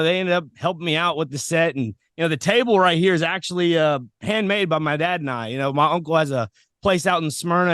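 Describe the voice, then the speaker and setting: On a podcast set, an American male host interviews a guest in a fairly high voice, recorded with studio quality and no echo. His chat is casual, rambling and informal.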